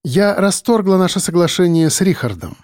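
Мужчина озвучивает хладнокровную насмешливую женщину-убийцу, говорящую спокойно и ледяным тоном. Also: female voice, on the low side, moderate pace, no room sound, clean studio sound, voice pushed up, natural voice. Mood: icy. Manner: calm, icy, mocking. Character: cold, mocking female killer.

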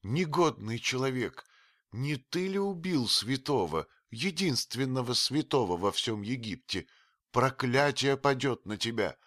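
A man reading an audiobook, voicing a very old grieving female servant who wails and scolds in a strained high voice. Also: animated, slow pace, fairly bright tone, no room sound, clean studio sound. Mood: accusing. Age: older.

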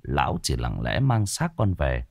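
A man narrating a village ghost story in a slow, dramatic, folksy way. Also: extremely low pitch, wildly swooping pitch, gravelly, no echo, studio quality. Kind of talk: spoken horror story narration.

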